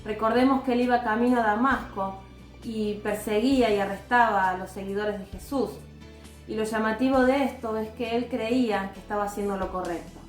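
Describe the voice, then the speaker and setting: A woman with a slightly high voice gives a devotional talk that weaves in a personal testimony. She speaks in a calm, earnest, measured way. The recording is roomy and carries a noticeable echo, with soft music underneath.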